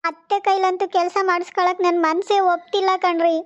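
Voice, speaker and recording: A woman voicing a tearful, despairing bedridden young wife, soft and weepy. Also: very high voice, flat delivery, fairly quick, no echo. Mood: sorrowful. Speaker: cartoon voice actor. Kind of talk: cartoon voice acting. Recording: dull lo-fi recording.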